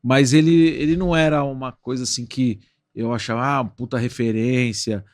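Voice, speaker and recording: A man's voice: mid-range voice, steady tone, normal speed, no room sound. Chatty man telling stories, dry studio sound. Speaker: podcast guest. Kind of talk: casual chat.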